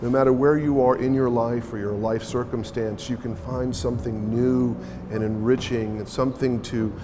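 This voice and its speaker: A man's voice: mid-range voice, steady tone, normal speed, noisy background. A man giving a reflective interview comment in full, flowing sentences. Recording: music behind the voice.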